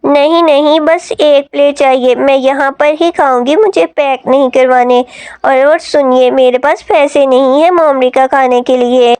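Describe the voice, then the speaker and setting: A woman voicing a gentle, polite young fairy in a cartoon story, speaking in an earnest, pleading way. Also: sits high, fairly even intonation, measured pace, no echo. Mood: curious. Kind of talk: Hindi cartoon story dubbing.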